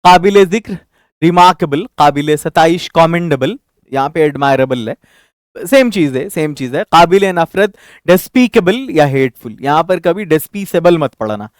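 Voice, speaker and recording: Male Urdu tutor, crisp dry voice. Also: a little high, expressive, moderate pace, no room sound. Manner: explains word by word, repeats terms, mixes Hindi, Urdu and English; frequent fillers and "theek hai" check-ins. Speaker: Urdu language teacher. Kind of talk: online exam-prep lesson.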